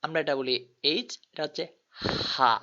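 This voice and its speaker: A man's voice: a little high, normal speed, pushed and bright. A man teaching a tutorial, patiently spelling out letters one by one. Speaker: language tutor. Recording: dull lo-fi recording.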